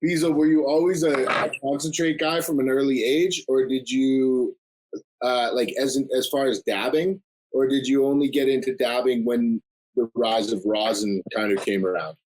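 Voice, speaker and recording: Man, podcast co-host, joking, asks questions, mid pitch. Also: steady tone, normal speed, a little mellow, poor audio. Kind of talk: casual chat.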